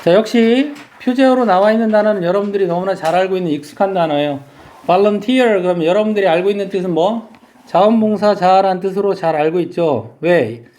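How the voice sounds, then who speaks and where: A man's voice: high voice, a little fast, darkish tone. A man teaching English vocabulary in a lecture, explaining step by step and asking his students questions.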